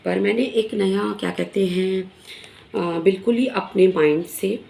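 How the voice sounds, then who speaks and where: Talking to other teachers through a selfie-mode phone camera, this middle-aged woman, a primary school teacher, explains things casually and earnestly, with frequent filler pauses. Her mid-range voice is mellow but hoarse from a throat that's still recovering. The room echoes, and there's slight background noise.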